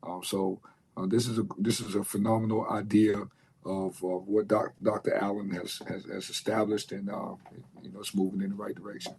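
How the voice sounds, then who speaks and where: A man coaching college basketball, speaking in a measured way in an interview, slightly hoarse from losing his voice. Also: fairly low pitch, flat delivery, a little mellow, a little hiss or hum. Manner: measured, repeats words while thinking. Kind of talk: radio interview.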